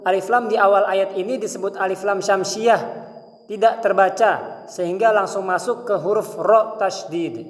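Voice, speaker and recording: A high-pitched male teacher with an Indonesian accent gives a recitation lesson. He over-enunciates, shaping each syllable with great care as he explains and demonstrates. His voice rings with echo and a long reverb tail. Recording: echoey, long hall-like reverb.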